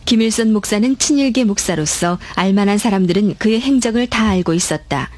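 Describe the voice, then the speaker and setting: A woman's voice: medium pitch, fairly quick, darkish tone, no room sound. A woman reading scripted dramatic narration as the narrator of a radio drama.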